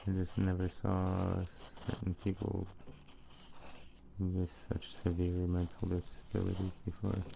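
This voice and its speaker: A person giving a casual whispered ASMR ramble in a soft, breathy, hesitant way that trails off. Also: monotone, a little slow, a little hiss or hum, rough recording. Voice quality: soft breathy whisper, low and creaky when voiced.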